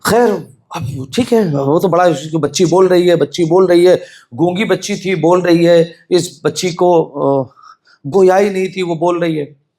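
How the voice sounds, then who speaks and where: A man preaching a mourning sermon, swinging from hushed storytelling to shouted emphasis and often urging his listeners to pay attention. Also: high voice. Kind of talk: Shia majlis sermon.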